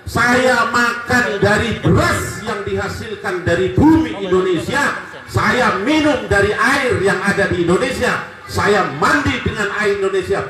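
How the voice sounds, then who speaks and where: A high-voiced man with a Javanese accent delivers a lively sermon, shifting from soft, low asides to loud, emphatic calls. He sounds far from the mic, and a strong echo rings around him in a large hall. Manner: lively, joking, shifts between loud and quiet. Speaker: preacher. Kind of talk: religious sermon to a crowd. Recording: echoey from far off.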